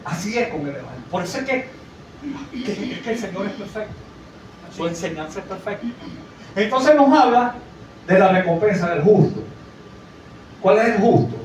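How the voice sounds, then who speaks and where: A man's voice: high voice, animated, normal speed, pauses often, a little mellow. A man preaching a sermon in a conversational way, often asking the congregation questions. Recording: echoey, from far off, faint noise.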